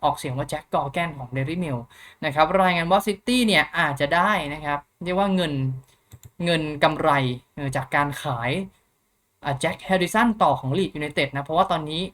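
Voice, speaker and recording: A man's voice: on the high side, moderate pace, fairly bright tone. A young man hosting a football news channel, chatting casually through the latest updates with many polite filler particles and thinking aloud.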